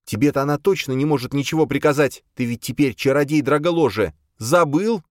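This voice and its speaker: A man reading an audiobook and voicing an impatient young woman with shrill, indignant outbursts. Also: a little fast, no room sound, studio quality, close to an everyday voice. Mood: heated.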